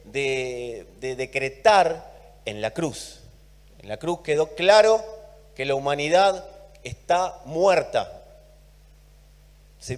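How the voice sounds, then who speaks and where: A man with an Argentine accent preaching a sermon, emphatic, swinging between loud and soft and repeating words for emphasis. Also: fairly high pitch, big-room sound. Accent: Argentine Spanish. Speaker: pastor.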